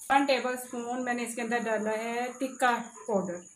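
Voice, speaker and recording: A cooking-channel host speaks directly to viewers from her home kitchen, narrating a recipe step by step. Her voice is fairly high, with fairly even intonation and a moderate pace. The room sounds echoey, with faint background noise.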